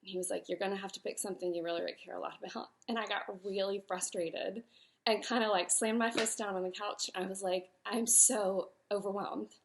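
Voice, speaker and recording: A woman's voice: mid-range voice, steady tone, fast, noisy background. A woman in her thirties speaks on a live stream as author and host, talking openly about her life and work. She is emotional and close to tears, her words catching in places. She talks loosely and personally, with plenty of fillers and restarts. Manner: emotional, tearful at times, with fillers and self-corrections.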